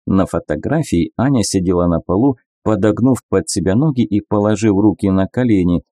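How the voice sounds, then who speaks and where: Male audiobook reader with a low, dark voice; steady first-person narration. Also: a little fast, no echo, studio quality. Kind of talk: audiobook narration of a sci-fi novel.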